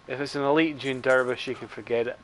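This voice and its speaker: A man talks his way through a live game stream in a rambling, chatty way. He drops dry, sarcastic asides now and then. Faint game sounds run quietly beneath his voice. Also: medium pitch, fairly even intonation, fast talker, a little hiss or hum, rough recording. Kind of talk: live gameplay commentary.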